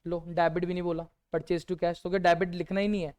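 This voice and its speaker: A male instructor running a revision lecture asks his class rhetorical questions, then frequently answers them himself with a quiet single word. His high-pitched voice holds a level tone, moving a little fast, clear and resonant.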